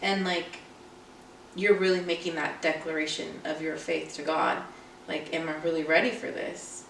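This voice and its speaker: A woman with a creaky voice, co-hosting a casual and personal conversation. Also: low-pitched, level tone, normal speed, fairly bright tone. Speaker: podcast co-host posing questions. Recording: echoey room, distant mic, faint noise.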